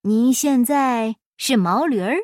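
A woman voicing a clever, humble male folk trickster in a storybook reading, unhurried and politely mocking. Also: fairly high pitch, a little mellow, no room sound, studio quality. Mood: sly.

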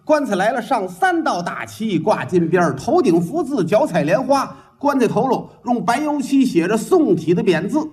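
High, lively crosstalk comic. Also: male voice, moderate pace, hardly any pauses. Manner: rattles off long rhythmic patter lists; acts out scenes with mimicked sounds. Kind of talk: xiangsheng crosstalk performance.

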